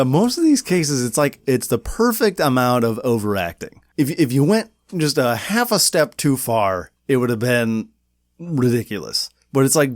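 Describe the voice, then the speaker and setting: A man's voice: medium pitch, dry recording. Laid-back male podcast co-host, dry sound. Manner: laid-back, rambling with many "like"s. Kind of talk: casual chat.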